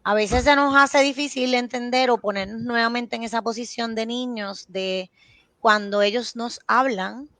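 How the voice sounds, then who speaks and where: A woman's voice: a little high, normal speed, sharp tone, no echo. A Puerto Rican woman, a child psychiatrist, explaining in a casual interview and illustrating her points with everyday stories. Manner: explains with everyday anecdotes and acted quotes.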